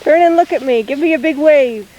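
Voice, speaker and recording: A woman's voice: high-pitched, brisk, warm tone, highs cut off. A woman filming her children outdoors in the snow, narrating the home video and coaxing the kids to wave, heard through an old handheld camcorder's built-in mic. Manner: narrates what she films and coaxes the kids to wave. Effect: old camcorder audio with faint hiss. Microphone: built-in mic of the handheld camcorder she holds. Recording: old camcorder audio, faint hiss.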